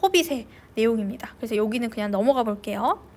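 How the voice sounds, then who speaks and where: Female english teacher, reading a novel aloud, slow and clear, translating line by line, slightly high voice. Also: expressive, a little mellow.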